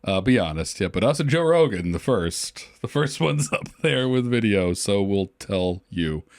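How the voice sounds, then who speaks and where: Laid-back low-voiced man co-hosting a podcast. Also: animated, normal speed, no echo, clean studio sound. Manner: jokey, laughs often. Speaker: podcast co-host. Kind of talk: casual chat.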